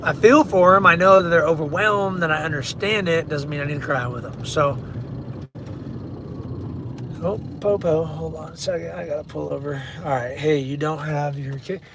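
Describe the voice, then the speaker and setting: A man's voice: on the high side, normal speed, noisy background. A middle-aged man, a real estate agent, chatting bluntly and rambling in a casual livestream from his car while he drives and reads viewer comments aloud.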